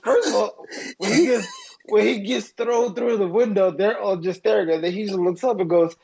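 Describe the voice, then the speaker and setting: A man's voice: sits high, fairly even intonation, normal speed, vocal fry, darkish tone, breathy edge, low-quality recording. A man in a casual podcast chat, incredulous and swearing freely.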